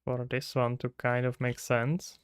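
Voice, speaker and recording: This is studio-quality audio with no echo and a clean tone: a man with a mid-range, monotone voice and a measured pace. He's from the Czech Republic, speaks with a Czech accent, and talks casually while streaming game development, musing aloud and replying to chat.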